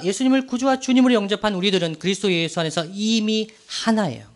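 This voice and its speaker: High-voiced earnest male pastor preaching. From Daegu, South Korea. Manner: earnest, slow emphatic phrasing with rhetorical questions to the congregation. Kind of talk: sermon.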